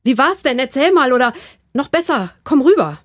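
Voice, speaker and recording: A woman's voice: high-pitched, very animated, no room sound, studio quality, pitched above the performer's own voice. Spunky teasing young girl, voiced by a woman in a children's book reading. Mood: playful. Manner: quick, bright, joking. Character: lively young girl, quick-witted and teasing.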